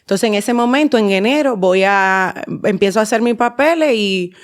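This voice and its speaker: A Dominican woman in her forties with a Dominican accent, a guest in a podcast interview, telling her story in an unhurried way with many fillers and restarts. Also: medium pitch, expressive. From Dominican Republic. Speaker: guest, endodontist and dental teacher.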